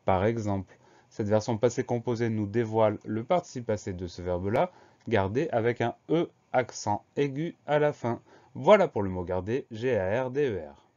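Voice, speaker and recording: A man teaching a spelling lesson, who explains each word slowly and spells it out letter by letter. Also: fairly low pitch, a little mellow, lo-fi sound. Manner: slow, spells words letter by letter.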